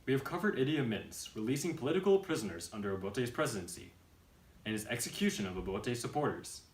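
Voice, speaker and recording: A man's voice: mid-range voice, big pitch swings, quick pace. Male documentary narrator, formal scripted read, recorded in an echoing room.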